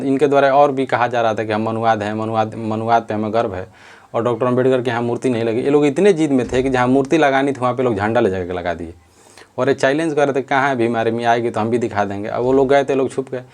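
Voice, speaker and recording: A man's voice: mid-range voice, darkish tone. A man giving earnest, unscripted commentary on a social issue, repeating himself and restarting sentences. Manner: earnest, repetitive, frequent restarts. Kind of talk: casual spoken commentary.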